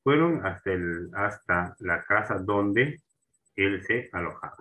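A man's voice: deep voice, lively intonation, pushed and bright, low-quality recording. A man teaching a grammar lesson, repeating terms and checking in with his students as he goes. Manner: slow and repetitive, restarting words and asking for agreement.

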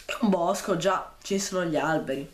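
A man reading the lines of a sharp-tongued fourteen-year-old girl gang leader who makes cold, mocking threats. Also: sits high, normal speed, echoey room, close to an everyday voice. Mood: menacing.

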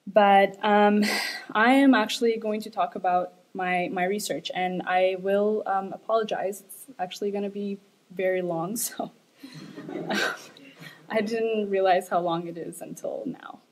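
A woman's voice: medium pitch, fairly even intonation, a little slow, slight background noise. A young woman from Ethiopia, a graduate student, giving an academic presentation with frequent fillers and hesitations. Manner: hesitant, many fillers, light laughs.

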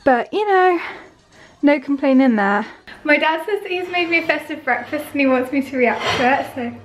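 A British teenage girl vlogging casually at home to a handheld camera, excitable and gushing. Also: sits high, slight background noise. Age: teens. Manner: excitable, gushing, quick to squeal with delight. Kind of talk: casual vlog chat to camera. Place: at home, bedroom and desk.

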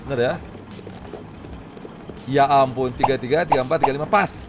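A man's voice: medium pitch, steady tone, normal speed, creaky, a little hiss or hum. A young man giving playful, exclamatory, slangy commentary on a video game, often repeating his words. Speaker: gamer, video host. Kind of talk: casual gameplay commentary. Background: game music.

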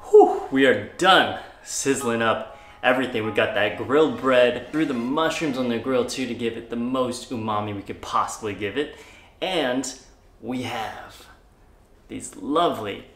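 A man's voice: medium pitch, measured pace, a bit bright. A young man hosting a home cooking tutorial, upbeat and enthusiastic as he talks through each step in his kitchen. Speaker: cooking show host. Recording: roomy kitchen with background music.

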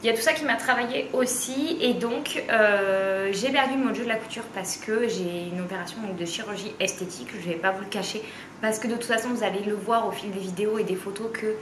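A woman in her late twenties confides in a home vlog, pausing often and filling gaps as she goes. The camera sits a few steps back in a bright, echoey room. A faint room ambience hums underneath. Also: medium pitch, background noise. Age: 20s. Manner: hesitant, many fillers, speaks openly and gestures. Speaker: sewing vlogger. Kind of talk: candid personal vlog. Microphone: camera a few steps away. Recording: roomy, slightly distant, faint ambience.

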